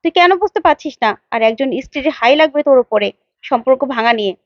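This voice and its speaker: A woman voicing a middle-aged mother who scolds her daughter in a shrill, anguished way. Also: lively intonation, fast, no room sound, highs cut off. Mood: scolding.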